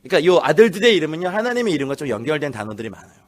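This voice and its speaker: Brief: male guest pastor, animated comic storyteller, slightly high voice, lively church sermon. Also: rapid-fire. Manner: animated, laughing storyteller, acts out teen voices. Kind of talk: lively sermon with acted quotes. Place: church sanctuary.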